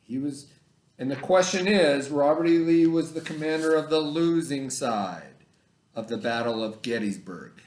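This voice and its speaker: A middle-aged elementary school teacher talks with a fairly high, slightly mellow voice at a moderate pace. He reads aloud and explains things casually to children during a remote video lesson, often asking questions to check they follow and repeating himself. The indoor room he's in sounds echoey.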